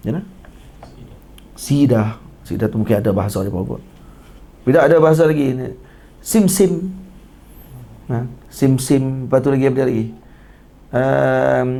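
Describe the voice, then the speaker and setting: A man's voice: mid-range voice, creaky, darkish tone. A man with a Malaysian Malay accent giving a casual religious class, chatty and checking that listeners follow. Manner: chatty, asks listeners for agreement; mimics Arabic speakers' phrases. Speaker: religious teacher.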